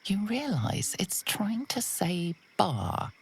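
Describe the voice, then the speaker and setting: A woman narrating a video game in a slow, dramatic storytelling way. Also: mid-range voice, big pitch swings, vocal fry, darkish tone, a little hiss or hum, exaggerated voice. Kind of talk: scripted narration. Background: game music.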